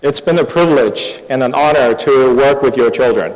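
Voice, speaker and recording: A middle-aged male guest preacher, born in Taiwan and raised overseas, gives a sermon in short phrases for interpretation. He speaks at mid-range pitch and normal speed. The large church hall is highly reverberant, and the recording carries a long echoing reverb.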